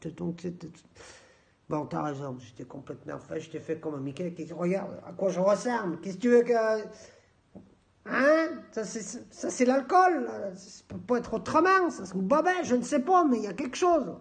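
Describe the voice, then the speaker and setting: A man's voice: high voice, animated, normal speed, gravelly. A man leaving a comedic video message in character as a rapper, rambling and stammering in slangy speech.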